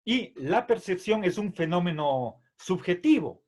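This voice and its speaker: Slow-talking, high-voiced male teacher. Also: big pitch swings, a little mellow. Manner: unhurried and explanatory, with frequent fillers and checks for understanding. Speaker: philosophy teacher. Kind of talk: online philosophy lecture.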